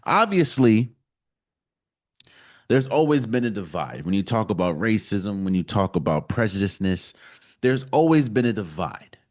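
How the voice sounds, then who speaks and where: A man from the United States hosting a solo sports podcast, giving his opinions in an emphatic, animated way. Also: on the low side, normal speed. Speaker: podcast host.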